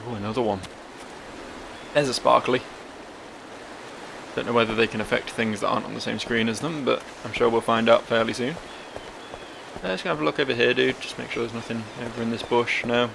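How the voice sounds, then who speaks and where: Creaky-voiced man doing dry gaming commentary. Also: mid-range voice, fairly quick, pauses often, noisy background. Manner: dry, sardonic, sweary. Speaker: gaming video host. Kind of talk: casual let's play commentary. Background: game music.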